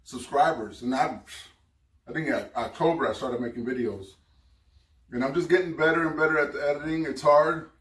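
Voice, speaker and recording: A man's voice: a little high, a little fast, fairly bright tone. A man hosting his own cooking vlog, chatting casually and eating as he talks. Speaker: cooking vlogger. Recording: roomy sound, mic at a distance.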